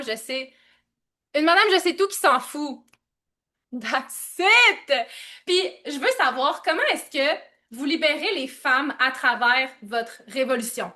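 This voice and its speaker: A high, bright-voiced young woman with a Québécois accent hosts a live coaching stream. She talks loud and fast, laughs a lot and sprinkles in English slang. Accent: Québécois French. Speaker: coach hosting a live session.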